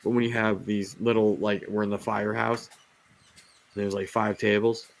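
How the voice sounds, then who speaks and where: Flat and creaky, this fairly low male voice keeps a normal pace. The speaker hosts a reptile live show, rambling through casual chat with a tendency to rant and lots of fillers and restarts, his voice giving out.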